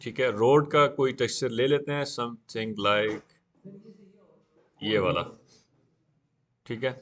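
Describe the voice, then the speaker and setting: A man teaching a live beginner class on 3D software, talking casually and often saying "okay" while he works. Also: medium pitch, takes it slowly. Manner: casual, repeats "theek hai" often. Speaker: 3D software instructor.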